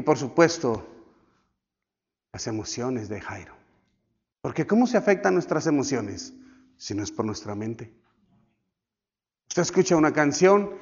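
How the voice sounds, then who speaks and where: A man preaching a sermon to his congregation, swinging between loud outbursts and hushed, slow lines, acting out quoted voices. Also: a little high, muffled recording. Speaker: pastor.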